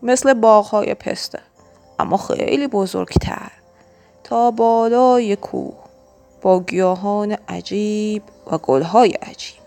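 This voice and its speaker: A woman voicing a weary, loving shepherd father in a children's audiobook, speaking gently and patiently. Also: medium pitch, gravelly, faint music behind, close to an everyday voice. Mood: gentle patient. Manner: gentle, patient storybook delivery.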